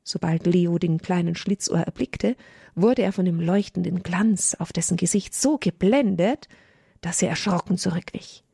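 A woman narrating a children's story in an expressive, melodic way. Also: lowish voice, normal speed, creaky, husky, no echo, studio quality.

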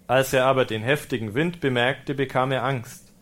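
A man, a priest, reads a Gospel passage and explains it in a reflective sermon, calm and lightly humorous. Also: medium pitch, normal speed. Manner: German-speaking preacher. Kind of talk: sermon with scripture reading.

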